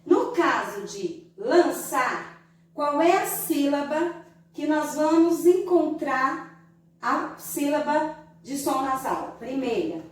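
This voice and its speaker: A Brazilian woman teacher giving a slow, didactic lesson to young children, stretching out syllables to show how they sound. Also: high voice, sing-song, far from the mic. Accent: Brazilian Portuguese. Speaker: primary school teacher. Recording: very echoey room, voice from away from the mic.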